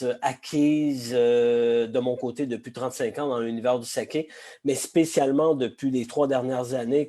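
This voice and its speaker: Hoarse Québécois man hosting a sake class. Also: mid-range voice, warm tone. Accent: Québécois French. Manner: chatty, many hesitations and asides. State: slightly hoarse, frog in the throat. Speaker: sake expert giving a masterclass. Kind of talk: online masterclass presentation. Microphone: video call.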